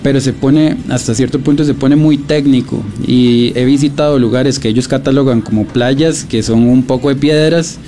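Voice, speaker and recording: A Costa Rican man being interviewed about his beach project, speaking thoughtfully with many pauses and restarts. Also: medium pitch, fairly even intonation, mellow, a little hiss or hum. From Costa Rica. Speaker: guest, beach documentary project creator. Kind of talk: radio interview, casual.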